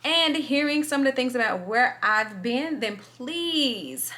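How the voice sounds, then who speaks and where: Bright-voiced woman vlogger with a swollen lip. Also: sits high, lively intonation, slow. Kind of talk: casual chatty get-ready-with-me vlog.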